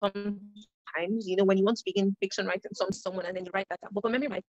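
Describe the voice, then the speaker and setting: A woman's voice: medium pitch, fairly even intonation, racing, a little mellow, dry recording, lo-fi sound. A young woman leading a creative writing workshop, earnest, often repeating and restarting her phrases. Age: young adult.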